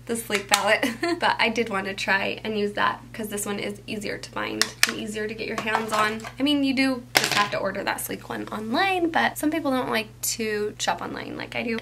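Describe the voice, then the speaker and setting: Chatty young woman with a bright voice. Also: on the high side, slight background noise. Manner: chatty and enthusiastic, drifts into soft whispers. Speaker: beauty vlogger. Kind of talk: casual makeup tutorial.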